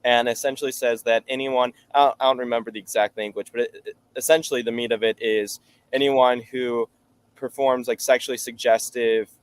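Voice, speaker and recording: A man's voice: mid-range voice, steady tone, fairly quick, smooth, dry recording. A man of nineteen, a talk show guest, earnestly explaining at length in casual answers. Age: late teens.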